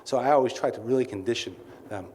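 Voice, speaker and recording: A man's voice: mid-range voice, quick pace, darkish tone. A man giving a welcome speech as CEO at a client event, telling candid anecdotes with many asides. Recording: reverberant hall with faint ambient noise.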